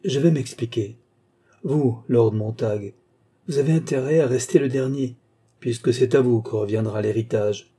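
A man's voice: mid-range voice, moderate pace, dark tone, slightly rough, natural voice. A man reading aloud, playing a stern Scotland Yard inspector who speaks firmly and tolerates no reply. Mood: commanding. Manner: firm, brooks no reply.

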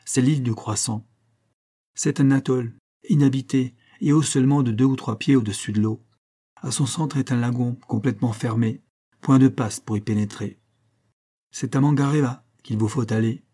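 A man voicing a calm, wise man who speaks softly and without hurry. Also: medium pitch, natural voice. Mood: soothing. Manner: soft, unhurried, soothing. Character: calm wise man, gentle island elder.

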